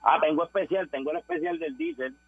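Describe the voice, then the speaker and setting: A man's voice: high-pitched, wildly swooping pitch, fast talker, vocal fry, slightly rough. A man with a Puerto Rican accent calling a radio show, a truck driver joking around playfully. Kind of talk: casual phone call to radio. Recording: muffled phone line.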